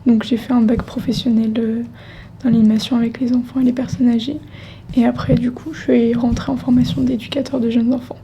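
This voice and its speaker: A nineteen-year-old woman answering informal interview questions in a soft, hushed voice, hesitantly searching for words. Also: on the high side, little pitch movement, a little fast. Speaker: interviewee, early childhood education student. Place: public media library, indoors. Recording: faint noise in a quiet library.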